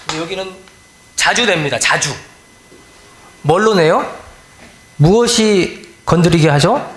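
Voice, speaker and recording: A man's voice: high-pitched, lively intonation, a little slow, fairly bright tone, slight background noise. A middle-aged man giving a conversational dharma talk as a minister, often questioning his listeners and acting out everyday grumbles. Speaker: Won-Buddhist minister.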